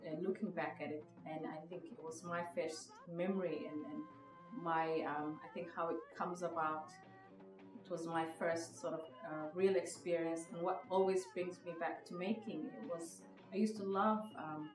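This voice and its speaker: A woman's voice: lowish voice, steady tone, normal speed, recorded from a distance. A woman from Somalia, in her thirties, telling her own story in a reflective, hesitant way with many fillers and restarts. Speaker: podcast guest, visual artist. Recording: echoey room, from the mic, music behind.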